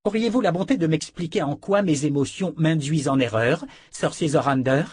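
A man's voice: fairly high pitch, expressive, fairly quick, husky, pitched above the performer's own voice. A man voicing a stern young woman warrior leader, commanding and indignant in a storybook reading. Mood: cold.

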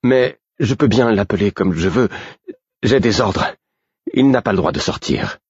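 Guy doing a jumpy young guard, stammery and stubborn, husky voice, flat muffled sound. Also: on the low side, measured pace, pitched above the performer's own voice, exaggerated voice. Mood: nervous. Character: nervous young male castle guard.

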